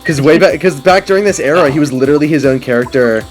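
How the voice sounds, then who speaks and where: With music running under his voice, a young adult man commentates games with friends as host, rambling casually and with enthusiasm. He talks at a quick pace in a fairly high voice.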